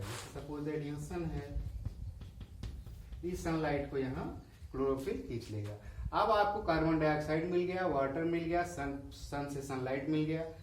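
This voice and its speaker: This school science teacher, a man with a Hindi accent, walks through a lesson on diagrams and answers his own questions. His slightly high voice has a darkish tone, and the echoey recording, made a bit far from the mic, carries a little hiss or hum.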